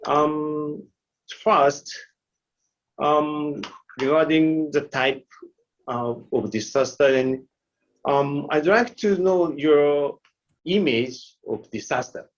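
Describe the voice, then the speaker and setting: A man, giving an online lecture with slides, halting and full of fillers. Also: on the high side. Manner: halting, many fillers and restarts. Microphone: video call. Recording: muffled video call audio.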